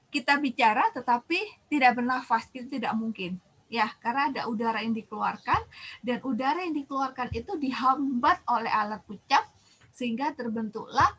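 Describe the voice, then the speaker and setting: A woman's voice: a little high, a bit bright, slight background noise, low-quality recording. A woman giving a university lecture, explaining each point step by step and repeating words to show how they are pronounced.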